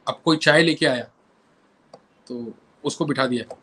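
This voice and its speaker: A man's voice: medium pitch, unhurried, a bit bright, slightly rough. A male violinist and composer telling anecdotes as an interview guest, repeating phrases for emphasis.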